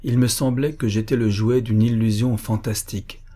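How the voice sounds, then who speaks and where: A man reading a classic story aloud as scripted narration, in a steady, measured way and with a husky voice. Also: mid-range voice. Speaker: audiobook reader.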